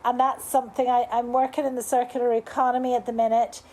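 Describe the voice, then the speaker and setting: Speaking fast with a warm, slightly high voice that barely moves in pitch, this Irish woman, who isn't from Cork or the local area, addresses a live bar-event crowd as a salon speaker. She rambles casually, restarting often and leaning on fillers.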